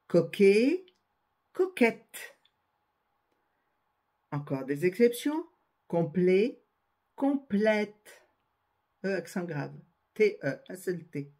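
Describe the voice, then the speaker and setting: Slow, husky grammar teacher. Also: female voice, medium pitch, darkish tone. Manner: dictates word pairs slowly and clearly, stressing endings. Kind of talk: slow spoken grammar lesson.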